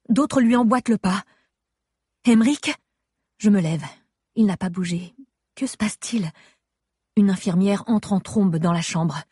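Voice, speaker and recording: A woman narrates a first-person story in an intimate, measured way. Her voice is mellow and somewhat husky. The recording is dry and close, like a home studio booth. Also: mid-range voice, no room sound. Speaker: audiobook narrator.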